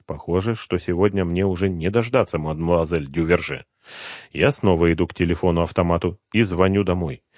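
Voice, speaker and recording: A man's voice: sits low, brisk, darkish tone, dry recording, studio quality. A man reading a first-person thriller audiobook in a tense, brooding storytelling manner. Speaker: audiobook reader.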